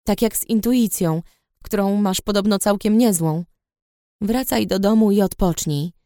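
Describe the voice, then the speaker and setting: A woman voicing a terse, stern male teacher in an audiobook, who speaks in calm, clipped sentences. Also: mid-range voice, measured pace, no room sound, studio quality, natural voice. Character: terse stern male mentor, few words. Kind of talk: audiobook character voice.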